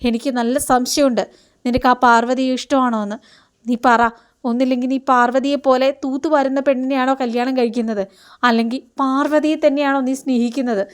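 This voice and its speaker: A woman's voice: sits high, fairly even intonation, fairly quick, clean tone, natural voice. A woman voicing a proud, status-minded middle-aged mother who scolds her son in a retold serial scene. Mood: scolding.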